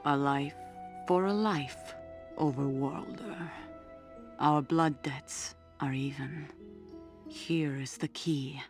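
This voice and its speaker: An actress playing a grave, conspiratorial rescuer in a fantasy video game, solemn and urgent, slipping into hushed tones. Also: female voice, low voice, slow, long pauses, faint music behind. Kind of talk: dramatic video game acting.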